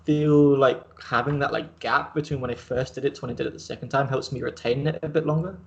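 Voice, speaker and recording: A man's voice: mid-range voice, fast talker, creaky, lo-fi sound. Young man chatting casually, lots of fillers. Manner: relaxed, rambling, heavy use of 'like'. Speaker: host. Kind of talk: casual chat.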